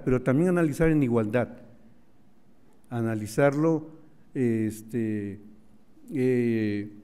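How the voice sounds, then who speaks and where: Resonant, clear and mellow, a mid-range male voice opens a formal event in an auditorium with long, reverberant acoustics. The speaker, a national institute director and native Mazatec speaker, is earnest, stacking up lists with plenty of fillers.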